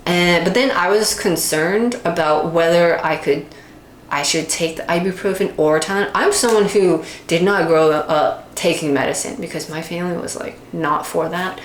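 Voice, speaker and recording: A young woman casually telling a personal story, rambling with fillers and acting out the quoted lines. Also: lowish voice. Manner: animated, acts out quoted lines with sudden yelps. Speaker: video creator. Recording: echoey room, faint background noise.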